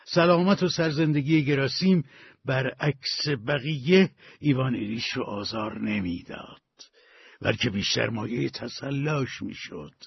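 A man reading a story aloud with slow, dramatic delivery and big swings in loudness. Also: mid-range voice, no echo. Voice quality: gravelly, husky. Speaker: narrator. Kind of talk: storybook narration. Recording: dull lo-fi dry recording.

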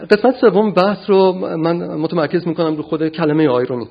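A man giving an academic philosophy lecture, measured and often pausing to gather his thoughts. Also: on the high side, gravelly, slightly rough, muffled recording. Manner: measured, frequent hesitations.

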